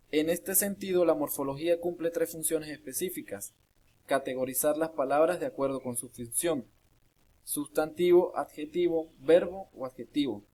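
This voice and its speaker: A man's voice: on the high side, darkish tone. Man reading a grammar lesson aloud. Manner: measured, list-like reading with small restarts. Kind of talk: read-aloud lesson narration.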